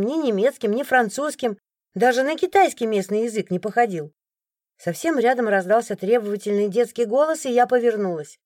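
A woman narrates a first-person story in an expressive, lively storytelling voice. The recording is dry and close, with nothing of the room around her. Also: on the high side, no echo. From Siberia, Russia.

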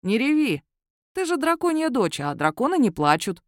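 A woman's voice: sits high, sing-song, moderate pace, no room sound, studio quality, voice pushed up. A woman voicing a snarky female beast companion in an audiobook, with a mocking, sassy manner. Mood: teasing. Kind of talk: audiobook character voice.

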